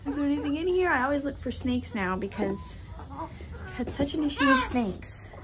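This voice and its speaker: A young woman talks casually into a phone held at arm's length, chatting to the camera and to her chickens. Her voice sits a little high. Clucking hens and yard noise come through clearly behind her. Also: big pitch swings, moderate pace. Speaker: homestead vlogger. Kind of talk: casual vlog chat. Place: backyard chicken run outdoors and home kitchen. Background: chickens clucking and roosters crowing.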